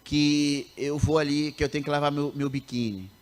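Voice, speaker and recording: A man in his thirties from Rio de Janeiro with a Carioca Brazilian accent, a missionary teacher telling stories in a casual interview, animated and often breaking off mid-sentence. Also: on the high side, normal speed, a crowd in the background. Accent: Carioca Brazilian Portuguese. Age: 30s. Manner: animated, self-interrupting, laughs at own stories.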